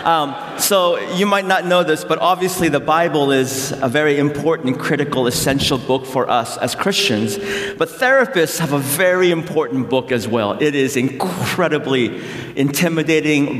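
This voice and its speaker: A middle-aged man, born in South Korea, delivers a conversational sermon full of gentle self-deprecating jokes and thoughtful pauses. His voice rings through a big hall with a long, lingering echo. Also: on the high side. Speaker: pastor. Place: large hall. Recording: echoey hall with long reverb.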